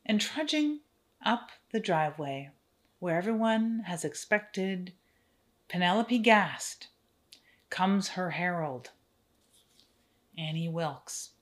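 A woman improvising a comic horror crossover tale, rambling wryly with fillers and asides. Her voice sits notably low. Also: expressive, slow pace, long pauses. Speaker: storyteller.

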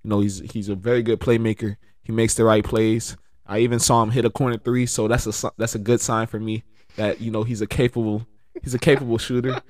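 A man in casual sports chat, rambling and relaxed, with lots of fillers and bursts of excited laughter. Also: on the low side, a little fast, dry recording, studio quality.

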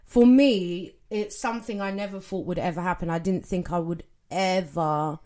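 A woman hosting a casual podcast chat over a call, chatty and quick to laugh. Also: fairly low pitch, warm tone. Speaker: podcast host.

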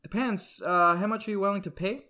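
A man's voice: sits high, fairly quick, sharp tone, voice pushed up. A man playing a brash, irritable, eccentric ad agency boss in a comedy script, volatile and blustering. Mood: cocky. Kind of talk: comedy script read aloud.

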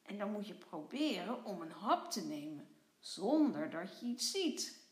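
A shy, anxious little storybook boy who sounds earnest and a bit worried, voiced by a woman reading aloud. His lines come slowly and rise and fall a lot, in an echoey room. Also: medium pitch, very animated.

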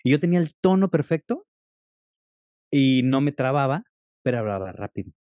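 Fast-talking man with a dark, dry voice. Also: medium pitch, no echo. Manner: fast-talking, animated storyteller. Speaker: guest, content creator on attention deficit. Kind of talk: casual interview chat.

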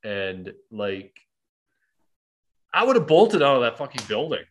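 Male podcast host, mid-pitched, excitable, profane, slips into character voices for jokes. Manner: animated, swears, mimics characters in quick asides. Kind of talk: casual movie chat.

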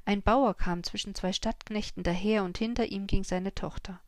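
A woman narrating an audiobook in a measured storytelling manner. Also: mid-range voice, steady tone, no echo, studio quality.

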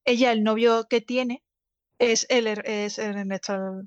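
A woman's voice: fairly high pitch, fairly even intonation, slow pace, no room sound. Woman, hesitant, searching for words, casual chat, lo-fi. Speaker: podcast guest. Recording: dull, slightly lo-fi mic.

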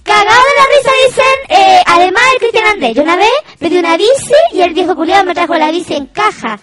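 Animated and fast, a woman plays an improvised comedy character while reading her stream's chat: an unfiltered young female cousin employed in retail. She talks in a Chilean Spanish accent with crude slang, her voice shrill, loud and laughing.

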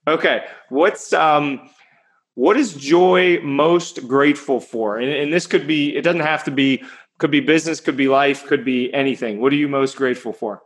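A man's voice: fairly high pitch, normal speed. A man hosting a podcast, responding to his guest in an enthusiastic, affirming way and asking questions. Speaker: podcast host. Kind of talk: warm interview chat.

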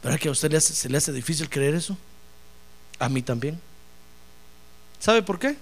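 Animated high-voiced man preaching. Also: moderate pace. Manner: animated, addresses congregation as hermano, acts out dialogue. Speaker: pastor. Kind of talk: sermon. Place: church in Phoenix.

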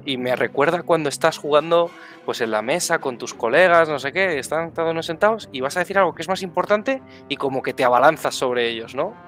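A man's voice: on the high side, animated, brisk, fairly bright tone, faint music behind. A man, a tabletop game player giving effusive feedback in casual chat, repeating words for emphasis.

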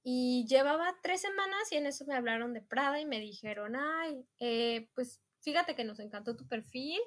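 A young woman with a Mexican accent, telling her story as a guest in a casual interview, chatty and animated, acting out what she said back then. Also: sits high, normal speed. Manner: chatty, animated, acts out her own past quotes.

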